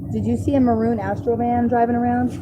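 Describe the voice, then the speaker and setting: A woman's voice: a little high, little pitch movement, fast. A woman in casual street conversation, reacting with exclamations and swearing freely. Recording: clearly noisy outdoor recording with vehicle sounds.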